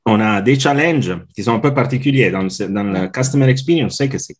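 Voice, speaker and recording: A man's voice: medium pitch, brisk, slightly rough. A man in his forties from Italy, speaking French with an Italian accent as an interview guest, hesitant with many filler sounds and restarts. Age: 40s. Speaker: guest, customer experience consultant. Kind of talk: casual interview chat.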